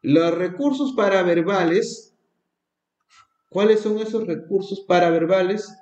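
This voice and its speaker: A man's voice: high-pitched, darkish tone, highs cut off. Man teaching in an echoey room. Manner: addresses teachers as "maestro", asks questions and repeats key terms slowly. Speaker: teacher leading an exam prep class. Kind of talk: exam review lesson.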